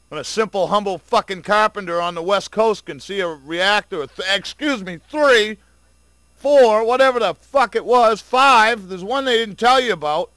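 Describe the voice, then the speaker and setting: A man delivering an angry, profane ranting commentary, sarcastic toward his listeners, swinging between low muttering and loud outbursts. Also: dry recording. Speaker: video blogger.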